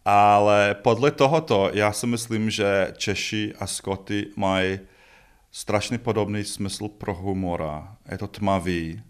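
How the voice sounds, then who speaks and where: Being interviewed as a guest, a festival organiser from Scotland, a middle-aged native English speaker, jokes and puts himself down in a relaxed, conversational manner. He speaks with a smooth voice on the low side.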